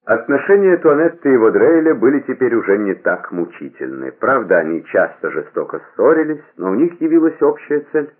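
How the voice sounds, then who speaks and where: A man narrating a novel as an audiobook in an expressive, theatrical way, on a narrow, lo-fi recording. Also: medium pitch, a little fast, hardly any pauses.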